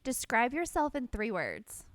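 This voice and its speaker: A woman's voice: a little high, wildly swooping pitch, a little slow, no room sound. A woman co-hosting a podcast, asking questions in casual chat and affirming the guest enthusiastically. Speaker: podcast co-host.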